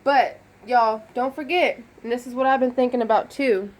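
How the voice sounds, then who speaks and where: A woman's voice: a little high, normal speed, a little mellow. A woman chatting in a rambling way with lots of fillers and asides. She is giving a casual vlog update at home. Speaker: vlogger. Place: at home near a bedroom.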